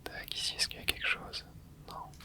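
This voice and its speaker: A gaming creator narrates an ASMR let's play in a whisper that stays breathy and unvoiced throughout. The talk is brisk yet soft and casual, built from quick little remarks and interjections.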